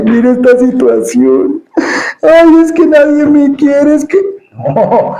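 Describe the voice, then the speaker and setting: A male pastor preaching an emphatic sermon, often repeating words and acting out quick asides. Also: a little high, dark tone, roomy sound, rough recording.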